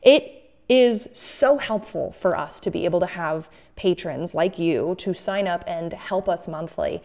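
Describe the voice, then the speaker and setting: A woman's voice: on the low side, lively intonation, unhurried, darkish tone. A woman hosting a casual craft video, chatting in a playful, jokey, self-mocking way. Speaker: host of an art-making video series.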